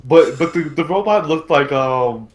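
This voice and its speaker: A man hosts a casual livestreamed podcast about films and games, speaking haltingly and repeating words as he thinks aloud. His voice is fairly high and expressive.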